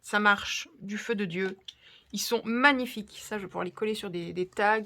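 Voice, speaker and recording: Bright, bubbly woman crafter. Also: mid-range voice, moderate pace. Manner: bubbly, gushing, talks to viewers directly. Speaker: crafting video host. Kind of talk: casual crafting haul vlog.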